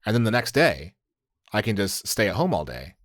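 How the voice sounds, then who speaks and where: Low-voiced man hosting a language podcast. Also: sing-song, moderate pace, fairly bright tone, no echo, studio quality. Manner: laughs often, explains phrases step by step. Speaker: podcast host teaching slang. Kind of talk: casual teaching chat.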